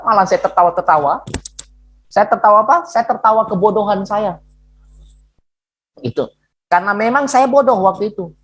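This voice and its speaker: A man preaching a sermon, telling stories in a lively, joking way and speaking straight to his listeners. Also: on the high side, rough recording. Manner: lively, jokey storytelling, speaks to listeners directly.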